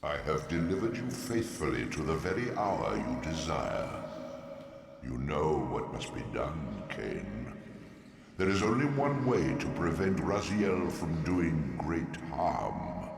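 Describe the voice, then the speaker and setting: A cavernous reverb surrounds this ancient oracle god of a video game. The delivery is solemn and portentous, sweeping widely in pitch over a gravelly creak. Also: male voice, very animated, full character voice. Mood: grave, commanding. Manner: grandiose, portentous, drawn-out delivery. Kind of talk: theatrical video game voice acting. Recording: cavernous echo with long reverb, music.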